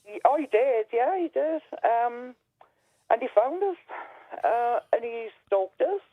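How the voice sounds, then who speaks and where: A woman's voice: on the high side, animated, slow, dry recording. A woman phoning a radio show, giving a personal account in a conversational, hesitant and reflective way over a telephone. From Berkeley. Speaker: phone-in caller. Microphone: telephone call to radio show. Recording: dry, narrow telephone line.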